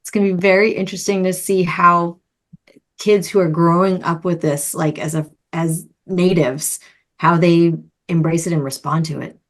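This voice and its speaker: A woman co-hosting a podcast, talking in a relaxed, chatty way. Her voice sits a little low for a woman. She is enthusiastic and drifts through fillers as she thinks aloud. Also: moderate pace. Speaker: podcast co-host. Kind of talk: casual chat.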